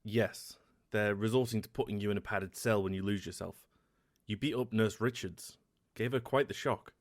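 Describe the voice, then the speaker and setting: A man voicing Daniel, a worried and loyal young companion who reasons gently, in an audio drama. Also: fairly low pitch, normal speed, no room sound, natural voice. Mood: sober. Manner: concerned, reasoning, gently firm.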